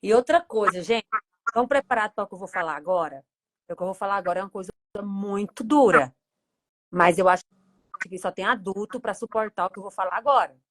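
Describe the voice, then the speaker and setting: A woman's voice: medium pitch, quick pace, no echo. A woman with a Brazilian Portuguese accent, a psychologist hosting an online class from her home over a video call, speaking emphatically and calling out to the audience. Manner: emphatic, calls the audience in directly. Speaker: host and psychologist.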